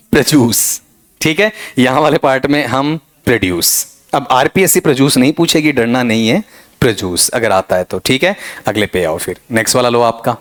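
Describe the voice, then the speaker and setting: In this exam-prep pronunciation lesson, a lively male English teacher quizzes the class, constantly checking with "ok?" as his voice bounces between high and low pitch.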